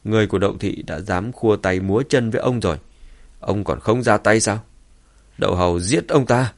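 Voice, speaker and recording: Storybook villain: cold, goading clan leader, read by a man, low and pushy. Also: normal speed, close to an everyday voice. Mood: loud urging. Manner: taunting, urging.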